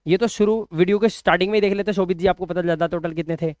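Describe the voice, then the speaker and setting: Young male tutor, smooth clear voice, dry close sound, playful and repetitive. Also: high-pitched, fairly even intonation, racing, darkish tone, no echo. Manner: playful, repeats words, scolds viewers to like. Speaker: English teacher. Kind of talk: lively spelling lesson, live stream.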